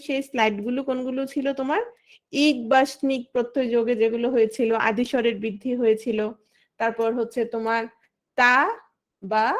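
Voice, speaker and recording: A woman teaching an exam-prep language lesson. She keeps asking her students questions, answers them herself and calls on students by name. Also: on the high side.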